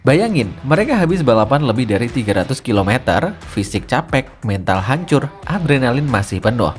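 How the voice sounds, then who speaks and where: A man giving scripted, energetic narration in a casual, slangy way, building drama as he explains. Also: mid-range voice, fairly quick, faint music behind.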